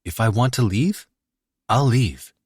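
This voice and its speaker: A man's voice: medium pitch, animated, measured pace, darkish tone, slightly rough, no echo, clean studio sound, pitched above the performer's own voice. A man voicing a defiant mafia daughter. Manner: cool, defiant. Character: defiant young woman, sharp-tongued mafia daughter.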